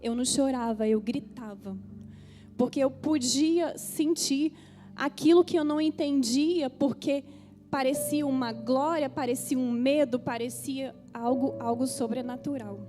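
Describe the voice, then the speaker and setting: A woman's voice: high voice, a little slow, music in the background. Brazilian woman pastor giving a testimony. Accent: Brazilian Portuguese. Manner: emotional storytelling, addresses the congregation directly. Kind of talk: testimony sermon to a congregation.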